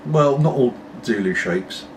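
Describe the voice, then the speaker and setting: Speaking a little slowly in an expressive, mid-range voice, a middle-aged British man puffs on his pipe and rambles to camera at home. As a pipe-smoking vlogger, he keeps adding apologetic asides. The recording is distant and clearly noisy.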